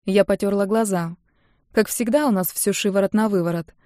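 A woman's voice: medium pitch, fairly quick, dark tone, no room sound, clean studio sound. A young woman narrating a first-person audiobook in a wry, matter-of-fact way. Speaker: audiobook reader.

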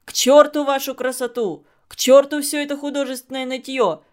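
A burly, bullying middle-aged man barks his words at full volume, coarse and impatient, voiced by a woman reading the story. The voice sits fairly high for a man. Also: steady tone, normal speed, close to an everyday voice. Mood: furious. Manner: shouting, coarse.

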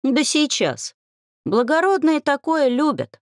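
A woman voicing an excitable young female dryad who talks in shrill, indignant outbursts. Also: slow pace, dry recording, clean studio sound, full character voice. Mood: scheming.

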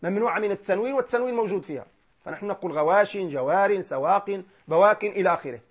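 A man teaches a grammar lesson, often posing a question and answering it himself. He repeats the key terms and chants verses slowly. The recording sounds dull and lo-fi. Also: high voice.

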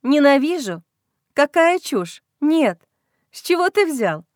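A woman's voice: sits high, big pitch swings, slow, no room sound, clean studio sound, voice pushed up, full character voice. Woman voicing an earnest young heroine. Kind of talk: audiobook reading.

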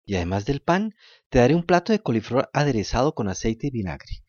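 A man voicing a kind, patient, motherly fairy woman who speaks softly and scolds gently. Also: mid-range voice, a little fast, no echo, dull audio. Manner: calm soft-spoken, gently scolding.

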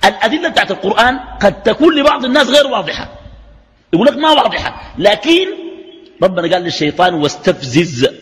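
Teaching a religious lesson, a man with a Sudanese Arabic accent argues through a stream of rhetorical questions. His very high voice is expressive and a bit bright, and he talks fast, with echoey hall reverb around him.

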